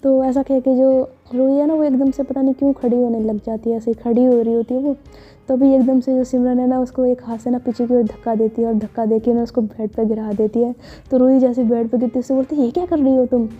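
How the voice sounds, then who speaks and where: A woman narrating a romantic story in a chatty, casual way, full of fillers and quick self-corrections. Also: fairly high pitch, flat delivery, slightly rough. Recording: dull lo-fi recording with faint music. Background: faint background music.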